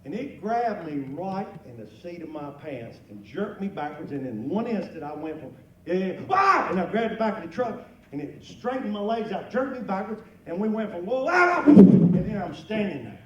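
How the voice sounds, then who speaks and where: A man's voice: sits high, moderate pace, lo-fi sound. Folksy man spinning a comic yarn. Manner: animated, folksy, acts out exclamations and sound effects. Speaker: luncheon guest speaker. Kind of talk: comic storytelling to an audience. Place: large event room at a lunch. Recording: echoey hall from far off, room noise.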